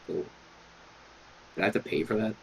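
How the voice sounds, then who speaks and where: A man playing in a tabletop game, describing his character haltingly with many fillers. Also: on the low side, gravelly, slight background noise. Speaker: player. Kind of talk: tabletop role-play chat.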